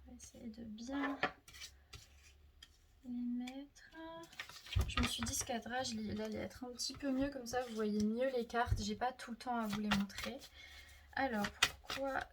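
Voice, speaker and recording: A woman giving a casual tarot reading, thinking aloud with many fillers and soft murmurs to herself as she draws cards. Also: on the high side, fairly even intonation, unhurried, pauses often, very noisy. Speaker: tarot reader.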